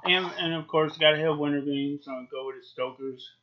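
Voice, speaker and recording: A man's voice: fairly high pitch, fairly even intonation, fairly quick, background noise. Dull-sounding man talking with a full lip. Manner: talks with a lip full of dip. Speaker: YouTube product reviewer. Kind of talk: casual chatty review to camera. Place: small home office, indoors.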